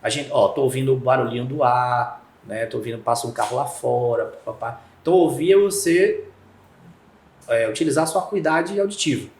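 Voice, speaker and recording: A Brazilian man talks in a conversational podcast interview. His voice is mid-pitched, and he acts out little scenes as he explains. The room around him sounds echoey. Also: fairly quick. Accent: Brazilian Portuguese. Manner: animated storyteller acting out quoted dialogue. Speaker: guest, communication speaker.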